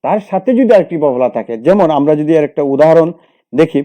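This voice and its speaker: A man talks through a lesson in a steady, methodical way, repeating each rule and walking through example after example. His voice sits a little high, but the tone is very dark and mellow. He stops to correct himself now and then. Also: fast talker. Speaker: teacher. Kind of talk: explaining a grammar lesson.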